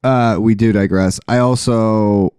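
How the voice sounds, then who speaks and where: A podcast host who owns a sober living home chats casually in a very deep, low, dark, mellow voice, candid and dryly joking, with frequent "uh" fillers. He speaks a little slowly with fairly even intonation and a clean tone. The recording is dry and close, but a poor microphone makes him hard to hear.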